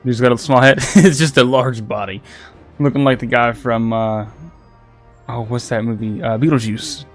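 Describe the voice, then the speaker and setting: A man's voice: medium pitch, normal speed, soft background music. Rambling male game streamer. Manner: rambling, with frequent restarts and repeated words. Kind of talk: casual livestream gaming chat.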